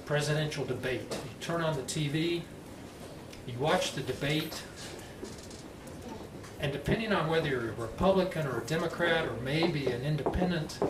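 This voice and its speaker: Male moderator, standard American accent, measured panel introduction, distant echoey recording. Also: a little high. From United States. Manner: slow, clearly enunciated, deliberate delivery. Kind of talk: introducing a public panel discussion. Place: conference panel room, indoors. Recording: echoey, noisy room, distant mic.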